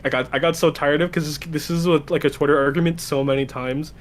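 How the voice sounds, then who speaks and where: A man chatting on a group call, fairly high-pitched and quick to argue. He talks over others, repeats his objections over and over, and a faint noise sits behind him. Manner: excitable, argues loudly, repeats "no". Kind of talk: casual heated chat.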